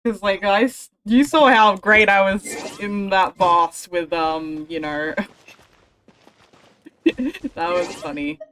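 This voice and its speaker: Video game music sits behind a woman's casual livestream commentary as she talks to herself and her audience. She speaks slowly at medium pitch, with fairly even intonation and a somewhat bright tone.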